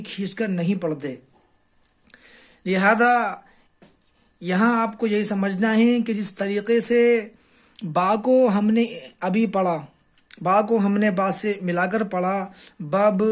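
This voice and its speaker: A male teacher giving a beginner language lesson, patiently explaining step by step and repeating each syllable slowly. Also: high voice. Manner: explains step by step in plain, simple phrasing. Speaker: Urdu teacher.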